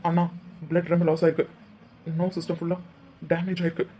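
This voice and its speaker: A woman voicing a younger brother who calmly reassures his grieving elder brother. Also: fairly low pitch, quick pace, slight background noise, close to an everyday voice. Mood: soothing. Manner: soothing, reassuring.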